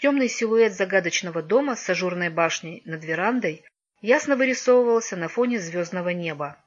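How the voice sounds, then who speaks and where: A woman narrating a children's story in an even, measured reading voice, on a dull lo-fi recording. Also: lowish voice. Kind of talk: audiobook narration.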